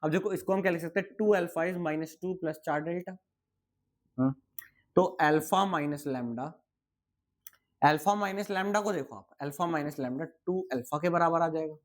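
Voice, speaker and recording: A man's voice: fairly high pitch, normal speed. A young man teaching physics in a casual, chatty exam-prep lecture, asking and answering his own questions and sounding tired.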